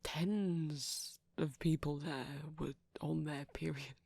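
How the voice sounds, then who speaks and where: A man acts as a shy young vampire boyfriend in an ASMR-style roleplay, speaking in a soft, husky near-whisper with a creaky edge, a little high in pitch with fairly even intonation. He's gentle, halting, earnest, and hesitant, full of tender apology, in an exaggerated voice. The recording is dry and intimate.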